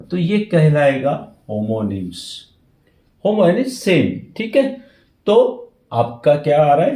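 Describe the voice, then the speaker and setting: Hindi-speaking male grammar teacher, lively. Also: a little high, reverberant. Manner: repeats key words and checks in with "ठीक है". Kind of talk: grammar lesson explained in Hindi with English terms.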